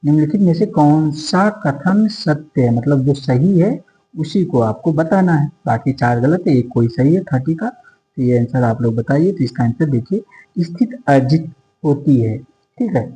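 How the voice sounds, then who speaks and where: A man's voice: fairly high pitch, lively intonation, moderate pace, dark tone, low-quality recording. A man tutoring sociology for competitive exams, going through multiple-choice questions one option at a time and repeating numbers for his students. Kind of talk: exam-prep lecture.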